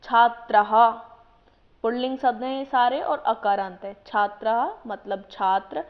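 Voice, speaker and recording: A woman's voice: fairly high pitch, moderate pace. A woman teaching a language lesson who reads each word out and then explains what it means. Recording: dull lo-fi voice-over.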